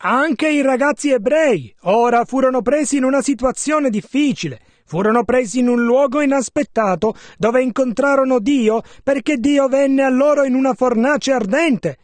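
A man voicing a translation of a sermon in measured, steady phrases. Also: extremely high pitch, no room sound. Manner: steady, measured rendering of each passage. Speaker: sermon interpreter.

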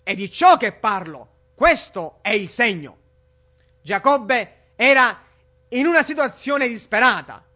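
A man's voice: very high-pitched, expressive, slow, bright, forceful tone, muffled recording. A man preaching a sermon to a congregation in an earnest, urgent preaching cadence.

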